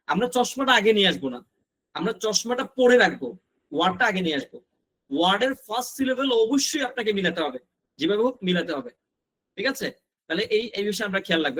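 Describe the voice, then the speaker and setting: Man, high-pitched voice, teacher, vocabulary lesson, repeats words, asks students questions. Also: bright, forceful tone. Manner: repeats words slowly for drilling; addresses students directly with questions.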